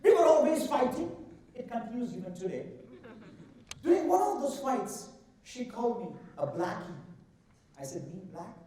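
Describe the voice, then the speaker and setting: A middle-aged man from India with an Indian accent delivers a rehearsed humorous contest speech in a theatrical, deliberate way, drawing out words for emphasis. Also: very high voice, sing-song, dark tone, a little hiss or hum. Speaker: contest speaker. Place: large indoor event hall. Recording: echoey hall, far from the mic.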